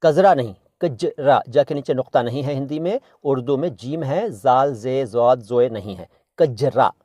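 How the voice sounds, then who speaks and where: A man's voice: mid-range voice, normal speed, mellow, dry recording. Dry-voiced man teaching word pronunciation. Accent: Indian Hindustani. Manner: playful, corrects pronunciation by repeating words, hums old song lines. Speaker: language teacher and channel host. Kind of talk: casual video lesson on Hindi and Urdu words.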